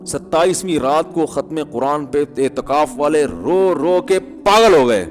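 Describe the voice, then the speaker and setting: A man preaches in a joking, conversational way, with a slightly high voice and chuckling asides. His sermon rings through a reverberant hall. Faint music sits underneath. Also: expressive. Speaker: Islamic preacher.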